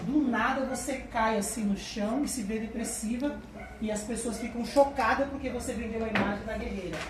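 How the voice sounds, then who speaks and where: Brazilian woman doing a funny talk, kinda high voice, echoey hall, noisy background. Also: brisk. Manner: animated and humorous, acts out quoted voices; chatty, tags lines with "né". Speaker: lecturer. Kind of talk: motivational talk to an audience. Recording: echoey, mic far off, background noise.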